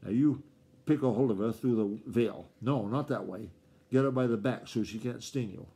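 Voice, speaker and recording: A man reading a storybook aloud, voicing an excitable old farmer grandfather who talks in a rustic old-time country dialect and snaps and scolds. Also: fairly low pitch, normal speed, husky. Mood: eager. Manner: snappish, scolding.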